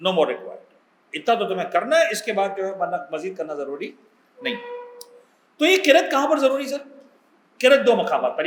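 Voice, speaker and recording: A man's voice: sits high, fairly bright tone, reverberant. A man, a cleric, teaching a pilgrimage class in a conversational lecture style, mixing in English words and asking the audience questions.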